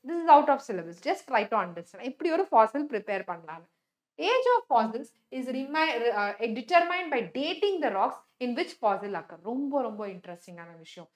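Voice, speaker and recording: A young woman, a native Tamil speaker with a South Indian accent, lectures like a classroom teacher in a high voice. She talks extremely fast and emphatically, repeating key words and tossing in short check questions. The room around her voice sounds noticeably echoey. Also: big pitch swings. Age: young adult. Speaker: biology teacher. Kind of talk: animated classroom lecture, reading and explaining slides. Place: indoor teaching studio with a display board.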